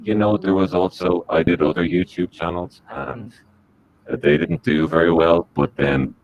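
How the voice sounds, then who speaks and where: A man speaking through a disguised deep voice as a podcast guest, giving rambling, halting answers. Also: animated, gravelly, a little mellow, muffled recording. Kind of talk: comic podcast interview.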